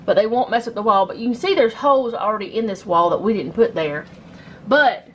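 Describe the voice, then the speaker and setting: A woman's voice: mid-range voice, a little fast, a little hiss or hum, rough recording. Chatty woman showing her home. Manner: chatty, rambling, self-correcting. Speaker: home vlogger. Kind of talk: casual show-and-tell vlog. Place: home, indoors.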